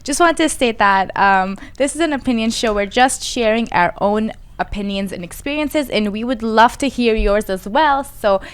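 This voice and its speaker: A woman's voice: a little high, animated, normal speed, hardly any pauses, clean tone. A woman in her twenties, born and raised in Iran, co-hosting a casual chat show in a chatty, giggly way. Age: 20s. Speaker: podcast co-host.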